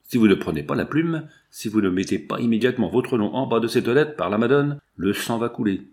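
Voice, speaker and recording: A man's voice: medium pitch, animated, brisk, darkish tone, close to an everyday voice. A man reading aloud, voicing a hot-tempered male brigand chief with harsh, commanding threats. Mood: furious.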